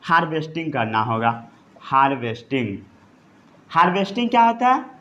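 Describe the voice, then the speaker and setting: A man teaching a science lesson in Hindi, stopping often to dictate key terms slowly so students can write them down. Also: a little high, big pitch swings, pushed and bright, dull audio. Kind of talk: classroom lecture.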